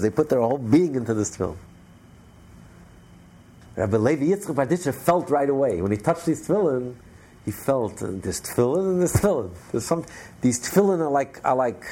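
This Torah teacher has a husky, dark-toned voice at medium pitch. He tells a Torah story during a storytelling lesson, emphatic and repetitive, with frequent restarts as he drives his points home.

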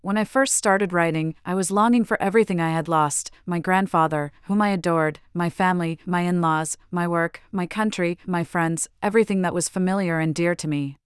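An older woman from Chile, an author answering interview questions in a measured, reflective way. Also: on the low side, clear, resonant tone, dry recording, clean studio sound.

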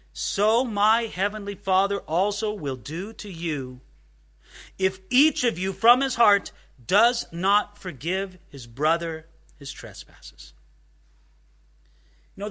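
A man's voice: a little high, sharp tone. A man preaching an expository sermon, reading scripture aloud and asking his listeners questions. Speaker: pastor.

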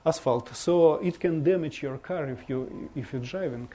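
A man from Russia with a Russian accent gives an informal slideshow talk as a visiting bishop, speaking halting non-native English and searching for words. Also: a little high, mellow. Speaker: bishop giving a guest presentation.

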